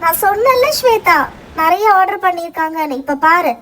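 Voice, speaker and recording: A woman's voice: very high-pitched, expressive, brisk, fairly bright tone. A woman voicing a cheerful, generous young girl in a doll-play story, bubbly and chatty. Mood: explaining.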